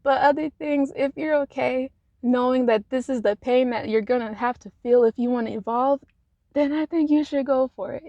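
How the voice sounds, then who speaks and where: A woman's voice: sits high, warm tone, dry recording, muffled recording. A woman vlogging casual life advice from her parked car, rambling with lots of fillers and frequent laughs.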